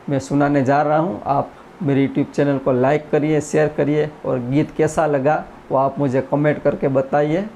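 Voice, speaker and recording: A man from India telling a moral story in a slow, earnest, preachy way, addressing his channel's viewers. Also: fairly high pitch, warm tone, dull audio, slight background noise. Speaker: YouTube channel creator. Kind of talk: spoken story and message, then singing.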